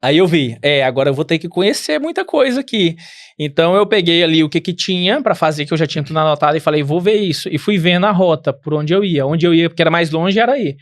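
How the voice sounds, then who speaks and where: High-voiced Brazilian man telling a story. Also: lively intonation, fast. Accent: Brazilian Portuguese. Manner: rambling storyteller, frequent restarts. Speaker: podcast guest. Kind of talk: casual interview.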